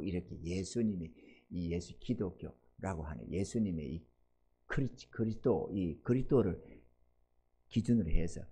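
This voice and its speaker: A pastor in his sixties delivers a Sunday sermon, shifting between loud, emphatic exhortation and soft asides while calling on the congregation for amens. His voice is fairly low in pitch.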